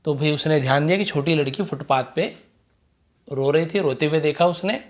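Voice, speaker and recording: A man teaching English, reading each phrase of a story slowly and loudly, then explaining it in quieter Hindi. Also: on the high side. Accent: Indian English.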